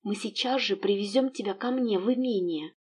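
A woman reading the part of a caring young gentlewoman who fusses and scolds her coachman. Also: medium pitch, brisk, breathy edge, lightly acted. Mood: tender. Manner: emotional, bossy toward servant.

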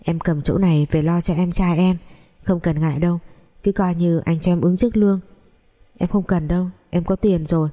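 A woman's voice: lowish voice, fairly even intonation, normal speed, dark tone, close to an everyday voice. A woman voicing a young male company boss with a curt, stern way of talking. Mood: gentle.

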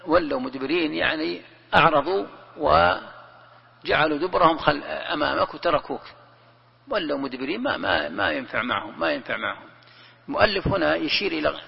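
A man, a sheikh, giving a classroom commentary lesson, who repeats his phrases and recites verses slowly and deliberately. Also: a little high, creaky, breathy edge. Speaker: sheikh teaching Quran commentary. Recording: long hall reverb, dull lo-fi sound.

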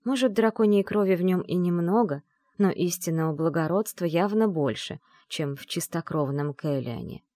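A woman narrating a fantasy novel in a steady, measured way, her voice sitting fairly low. The sound is close and dry, with no room echo. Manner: measured, storytelling. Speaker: audiobook reader. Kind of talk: scripted narration.

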